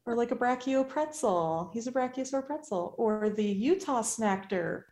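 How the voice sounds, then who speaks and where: Her voice on the high side, expressive and a little mellow, this podcast guest artist talks at a moderate pace with self-deprecating humor. The casual chat takes place in an echoey artisan shop space.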